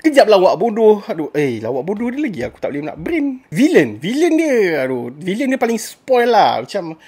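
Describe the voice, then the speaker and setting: A woman's voice: fairly low pitch, huge pitch swings, normal speed, darkish tone, slightly rough. A woman with a Malaysian accent giving a casual spoken movie review, ranting in exasperation and mixing in English phrases.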